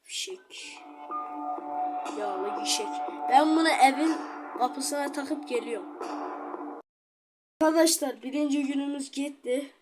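A high-pitched woman gives loose, excitable commentary as she plays a game, calling out to her viewers as she goes. Clear game music plays loudly behind her voice. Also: a little slow, pauses often. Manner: chatty, excitable, talks straight to viewers. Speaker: gaming channel host. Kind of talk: casual gameplay commentary.

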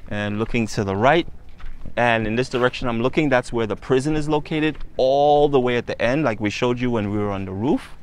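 A man vlogging outdoors as he walks, pointing out sights in a relaxed, conversational way. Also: medium pitch, brisk, smooth. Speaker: travel vlogger. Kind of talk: casual walking tour narration. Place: outdoors on a hot island street.

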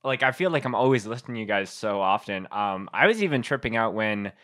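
A man in his thirties hosting a podcast in casual, halting chat with many fillers, speaking into a close microphone. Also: on the low side, animated, a bit bright. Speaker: podcast host. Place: indoor room at home, on a video call. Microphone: microphone on a boom arm, headset.

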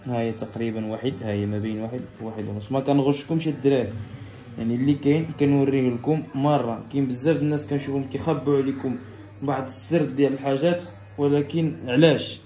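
A man's voice: mid-range voice, steady tone, fast talker, dark tone, reverberant. A man with a Moroccan accent, a barber who explains a haircut step by step and repeats each step to his viewers. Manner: instructive, repeats steps, talks straight to viewers. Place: barbershop salon.

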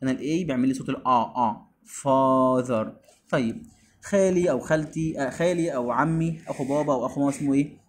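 A man with an Egyptian Arabic accent runs a beginner English lesson at an everyday pitch. He says each word slowly, repeats it and asks his pupil to say it back. His manner is patient and steady. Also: slight background noise. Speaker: English teacher.

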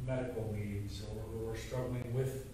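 A man leading liturgical prayer in a solemn, measured cadence, with a cathedral echo. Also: on the low side, fairly even intonation. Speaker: pastor leading worship. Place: church sanctuary. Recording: echoey sanctuary from far off, with noise.

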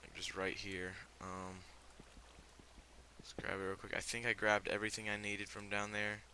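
A man's voice: on the low side, flat delivery, normal speed, bright, forceful tone, a little hiss or hum. A teenage boy with a fever giving casual, rambling commentary on his game, full of fillers and startled reactions. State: sick with fever. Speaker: gamer.

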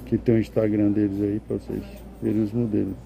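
A man's voice: on the low side, level tone, quick pace, vocal fry, dark tone. Ceará-accented male vlogger, casual and chatty, repeats prices, noisy market floor. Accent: Brazilian Portuguese, Ceará. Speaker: vlogger touring a clothing market. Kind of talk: casual walk-through commentary. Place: indoor clothing market stalls.

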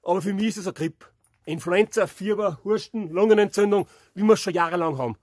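A man's voice: sits high, fast, no room sound, clean studio sound. A man in his thirties with a Bavarian accent, chatting and giving his opinions to a handheld camera as he walks a rocky forest trail in winter. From Lower Bavaria, Germany. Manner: chatty, opinionated, talks to camera while hiking. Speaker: vlogger, hiking channel host. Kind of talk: casual outdoor chat to camera. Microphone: handheld camera at arm's length.

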